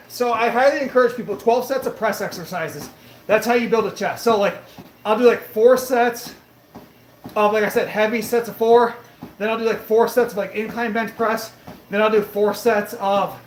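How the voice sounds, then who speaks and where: Slightly out of breath on a treadmill, this high-voiced fitness streamer in his late thirties reads comments and chats casually. He comes off brash and boastful, swearing casually, in an echoey gym with faint noise.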